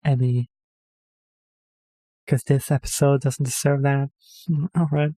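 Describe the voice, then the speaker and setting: A Norwegian reaction video host, whose first language is Norwegian, rambles slowly in a mellow, medium-pitched voice with flat delivery. He sounds hesitant, keeps correcting himself and uses lots of fillers, and the recording has no room sound.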